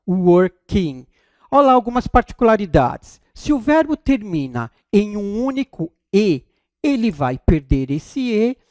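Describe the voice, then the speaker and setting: A man's voice: high voice, a little mellow, dry recording, clean studio sound. A man with a Brazilian Portuguese accent teaching English grammar in a video lesson, explaining step by step and often checking in with the viewer. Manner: slow, deliberate explaining, checks in with "tá?" and "ok?".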